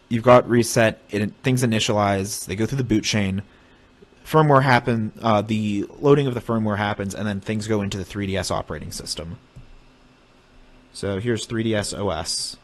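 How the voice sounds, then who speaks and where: A young man casually explaining a technical topic on a stream, halting with restarts as he draws diagrams. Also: fairly low pitch. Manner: halting, many fillers and restarts while drawing. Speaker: streamer explaining hardware hacking.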